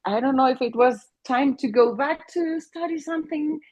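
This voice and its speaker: A middle-aged woman from Mexico speaks at a moderate pace in a high-sitting, darkish voice, with lo-fi sound quality. Spanish is her native tongue and she has a Mexican accent, and the interview covers her job as a family therapist. She is earnest, with plenty of restarts and fillers.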